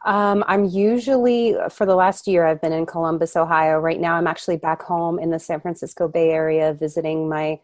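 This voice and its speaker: Low-voiced woman telling her story. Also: steady tone, a little mellow, dry recording. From Ukraine. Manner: earnest, reflective, speaks with pauses and fillers. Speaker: podcast guest. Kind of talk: conversational interview.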